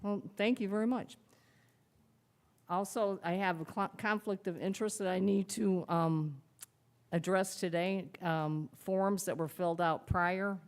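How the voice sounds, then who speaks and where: A woman's voice: mid-range voice, fairly even intonation, unhurried. A woman who is clerk treasurer, giving her report at a council meeting in a chatty, hesitant way.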